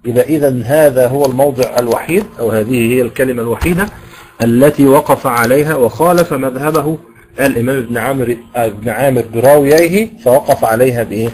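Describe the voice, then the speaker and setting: A man with an Egyptian accent giving a university lecture on Quranic recitation, explaining slowly and pausing with hesitation sounds. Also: mid-range voice, a little mellow, a little hiss or hum, poor audio. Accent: Egyptian Arabic.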